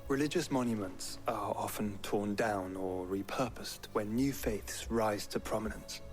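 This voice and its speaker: A man's voice: on the low side, unhurried, close to an everyday voice. An actor playing an earnest, refined young nobleman in a fantasy video game. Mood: earnest, explanatory. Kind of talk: dramatic video game acting. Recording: game music playing behind the voice.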